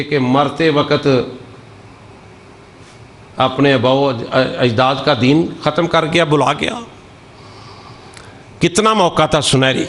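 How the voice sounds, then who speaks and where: A man preaching an impassioned storytelling sermon with a Punjabi accent, moving between hushed narration and loud, drawn-out lines. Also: on the high side, slight background noise.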